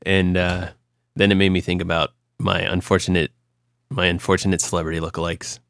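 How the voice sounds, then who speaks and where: A man's voice: low voice, little pitch movement, a little fast, gravelly, a bit bright, dry recording, clean studio sound. A young man from Ohio co-hosting a podcast, telling stories in a casual, rambling way with lots of fillers and restarts. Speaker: podcast co-host. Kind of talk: casual chat.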